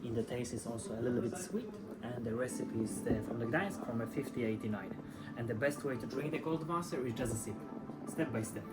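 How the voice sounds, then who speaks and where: Man with halting English, loud guitar music. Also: medium pitch, expressive, rough recording. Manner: halting non-native English with fillers. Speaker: waiter. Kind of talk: explaining a drink to guests.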